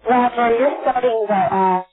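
A woman working as a ground station radio operator, speaking in measured, procedural military style over a walkie talkie. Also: on the high side, fairly even intonation. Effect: two-way radio, walkie talkie. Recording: tinny phone-like radio transmission.

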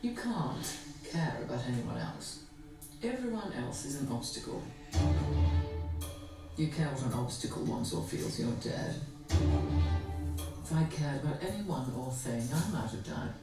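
A woman's voice: a bass voice, big pitch swings, drawn-out words, pauses often, recorded from a distance, exaggerated voice. An actress playing a haughty, ruthless older woman who runs a fashion house, speaking in a cold, commanding way. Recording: roomy film trailer audio with loud music.

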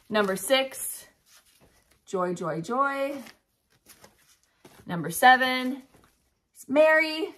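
A woman co-hosting a cross-stitch video show, chatting casually and running through a list of giveaway prizes, upbeat and quick to laugh. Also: on the high side, fairly bright tone. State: out of breath.

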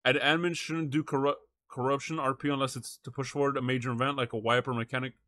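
Mid-range and flat, this man's voice moves fast with a fairly bright tone. A live streamer, he reacts to a video, reads aloud close to the mic, and chats casually with viewers in slang, repeatedly saying "bro" and "chat."

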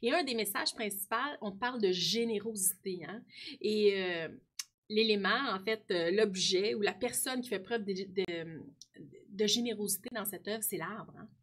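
A woman's voice: mid-range voice, normal speed. A woman teacher explaining a book to her pupils, often adding a questioning tag. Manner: warm explaining, frequent tag "hein". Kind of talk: classroom lesson talking to students.

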